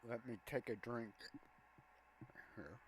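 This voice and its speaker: A man hosting a gameplay walkthrough, calmly explaining each button press step by step. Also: medium pitch, a little hiss or hum, poor audio. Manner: slow, plain step-by-step explaining of controls. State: has the hiccups. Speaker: gameplay video host.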